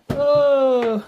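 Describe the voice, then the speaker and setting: Recorded on a phone camera held at arm's length, this woman's high-pitched voice comes through narrow and tinny with a bit of hiss or hum. A Kenyan vlogger in roughly her sixties, she chats casually from her small home, pleading and repeating herself.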